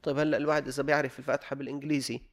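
A male religious teacher, his voice gravelly, at an ordinary middle pitch. He reads from a legal text and then explains it in everyday speech. He slows down to repeat each example. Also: little pitch movement. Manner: repeats examples slowly for emphasis.

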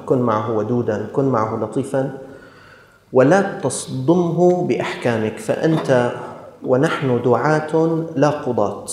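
Preacher in a reverberant hall. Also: male voice, medium pitch, a little mellow. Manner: earnest, rhetorical, storytelling. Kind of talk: sermon.

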